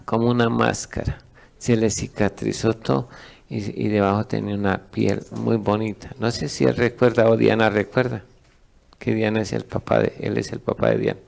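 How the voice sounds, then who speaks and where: Gravelly pastor preaching. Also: male voice, on the low side, level tone, moderate pace, a little mellow. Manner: asks the congregation questions and lets them answer. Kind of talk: sermon teaching.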